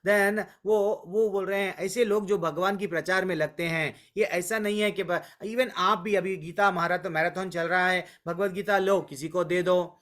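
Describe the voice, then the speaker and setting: A man's voice: high-pitched, steady tone, moderate pace, few pauses, a bit bright. A man teaching a devotional scripture class, earnest and coaxing, who repeats words for emphasis and mixes in English words. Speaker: Bhagavad Gita class teacher.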